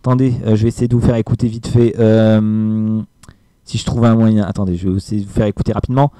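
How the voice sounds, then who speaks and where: A man's voice: on the low side, little pitch movement, fast talker, warm tone, clear, resonant tone, no echo. Hesitant French-speaking man reviewing a film. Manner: hesitant, many fillers, emphatic repeated apologies.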